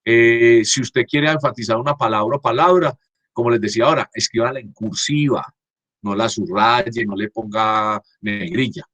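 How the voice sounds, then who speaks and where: A man giving a class lecture over a video call. He talks haltingly, restarts often, and keeps checking that students follow. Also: mid-range voice, fairly bright tone, no room sound, dull audio. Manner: halting, frequent restarts, checks understanding with "¿cierto?". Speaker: university teacher. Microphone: computer mic on a video call.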